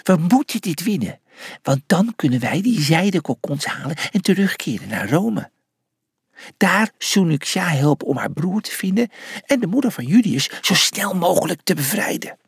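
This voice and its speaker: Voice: mid-range voice, very animated, moderate pace, vocal fry, breathy edge, dry recording, studio quality, voice pushed up, full character voice. A storyteller voicing an earnest male warthog who firmly urges his team to focus. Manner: firm, earnest, urging.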